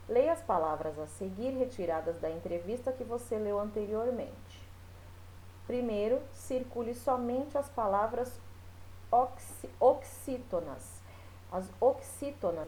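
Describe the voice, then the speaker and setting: Speaking at medium pitch with a mellow tone, a woman teacher leads her class through a recorded lesson, chatty and unhurried, with frequent little fillers. The recording is rough, with a slight hiss or hum.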